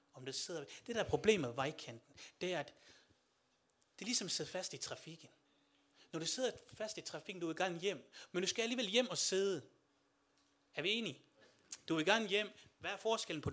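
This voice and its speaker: A man preaching a sermon, speaking to listeners directly with questions and swinging from quiet passages to loud, rising shouts. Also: on the high side.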